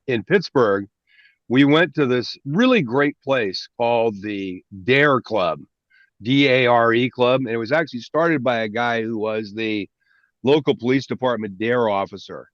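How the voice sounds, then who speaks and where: A man's voice: mid-range voice, measured pace, dry recording. Chatty man on a dull, dry call line. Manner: chatty storyteller, frequent restarts. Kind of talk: casual chat on a video call. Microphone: video call microphone.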